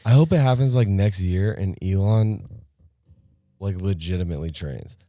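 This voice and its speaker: A podcast co-host with a deep voice rants casually at normal speed, blunt and animated with plenty of swearing. The recording is dry.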